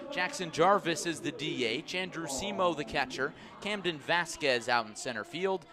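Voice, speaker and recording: Live baseball on the radio, called play by play by a man whose pace is measured between pitches and whose voice lifts with excitement on big plays.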